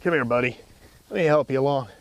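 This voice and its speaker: A man's voice: mid-range voice, fast talker, dry recording, highs cut off. A man presenting an educational animal tour outdoors in a casual, emphatic, admiring way, as an enthusiastic host and keeper. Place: outdoors among animal enclosures.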